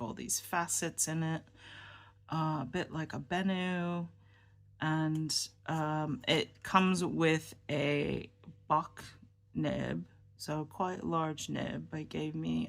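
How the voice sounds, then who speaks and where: A woman's voice: deep voice, vocal fry, fairly bright tone. A woman vlogging about fountain pens in a casual show-and-tell chat. She sounds tired and subdued, rambling and hesitant, with many ums and restarts.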